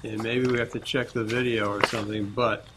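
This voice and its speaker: A man speaks up as a board member at a meeting. His voice is on the low side. He talks haltingly, stumbling through uhs and restarts, with a faint hiss behind him. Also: little pitch movement. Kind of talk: meeting discussion.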